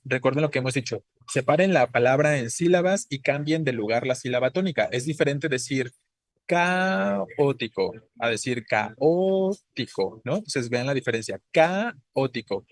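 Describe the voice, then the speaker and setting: A man teaches a Spanish grammar class online, his medium-pitched voice recorded without echo. He's patient in his explanations and keeps checking on his students with quick tag questions.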